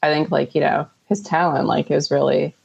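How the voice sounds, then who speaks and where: A female co-host gives casual commentary on a TV show. Her voice is low, with a lot of fry. She talks conversationally, peppering her sentences with "like". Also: fairly even intonation, moderate pace, a little mellow, dull audio. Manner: conversational, frequent "like".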